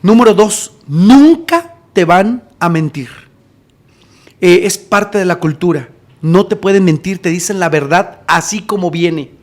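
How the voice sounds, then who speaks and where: Mexican guy on a podcast, fairly high voice, tells stories and acts out the people in them. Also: animated, a little slow, a little mellow. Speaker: evangelist, podcast guest. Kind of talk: conversational storytelling.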